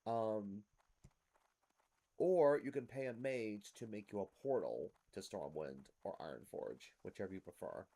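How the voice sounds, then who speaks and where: A man's voice: lowish voice, expressive, measured pace, warm tone, low-quality recording. A man hosting a gameplay series, explaining things to viewers in casual commentary. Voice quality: rough smoker's-type cough.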